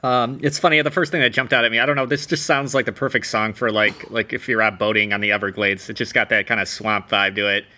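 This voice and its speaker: A man co-hosting a podcast, talking haltingly while fighting the hiccups. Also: fairly low pitch, fairly even intonation, pushed and bright. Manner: halting, searching for words. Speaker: podcast co-host.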